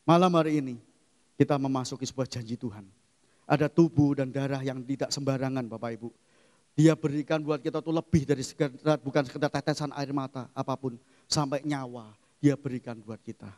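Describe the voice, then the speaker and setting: A middle-aged male pastor preaching a sermon, emphatic and swinging from quiet asides to loud exclamations. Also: medium pitch, fairly even intonation, brisk. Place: church hall. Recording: long church hall reverb.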